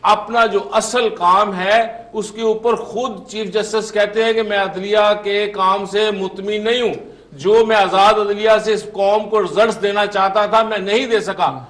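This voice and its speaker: Male politician guest, heated studio debate, insistent and repetitive, voice a touch high. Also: fairly even intonation, a bit bright. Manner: insistent, repeats phrases to hold the floor.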